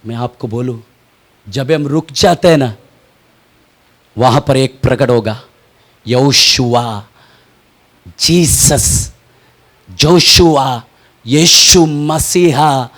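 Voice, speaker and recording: A man preaching a fervent sermon as pastor, moving between shouted peaks and hushed asides, often asking questions and answering them himself. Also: medium pitch, drawn-out words, long pauses. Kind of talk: impassioned Hindi sermon.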